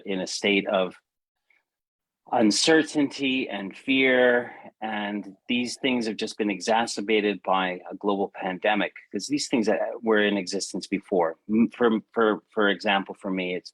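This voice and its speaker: A man in his fifties co-hosting a reflective podcast, his voice on the low side. He speaks earnestly, halting and repeating words as he works through his thoughts. The recording is close and dry, with little room sound. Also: fairly bright tone, no echo, low-quality recording. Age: 50s. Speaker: podcast co-host. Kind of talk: reflective casual chat.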